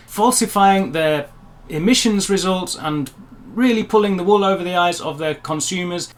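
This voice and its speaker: A British man with a notably high voice talks straight to camera in a casual vlog. He is wry and opinionated, weighing each point with a slightly pedantic edge. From Britain. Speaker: vlogger.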